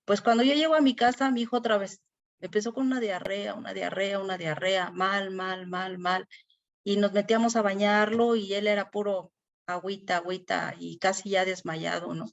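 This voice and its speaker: A woman's voice: medium pitch, fairly even intonation, normal speed, vocal fry, highs cut off. A middle-aged woman, sharing a personal faith testimony in a Bible study class, earnest and emotional with many fillers.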